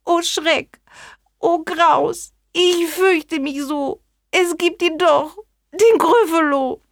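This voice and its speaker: A woman doing a squeaky, boastful little mouse. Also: lively intonation, takes it slowly, no room sound, studio quality, heavily acted. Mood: frightened. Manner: squeaky, bold and bragging. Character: small clever boastful mouse.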